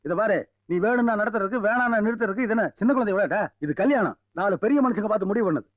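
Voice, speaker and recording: A man's voice: high voice, very fast, no echo, close to an everyday voice. An actor playing a proud, hot-tempered foster father scolding his son. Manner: scolding, commanding. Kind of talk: film drama acting. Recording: dull film soundtrack.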